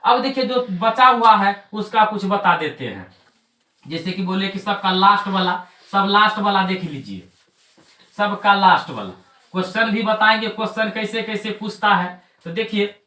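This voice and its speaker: A man's voice: sits high, moderate pace, sharp tone. A male coaching teacher gives an exam lesson, drilling points by chanting them over and over. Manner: repetitive drilling, chant-like recitation. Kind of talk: classroom lesson on Hindi phonetics. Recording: roomy echo, mic at a distance.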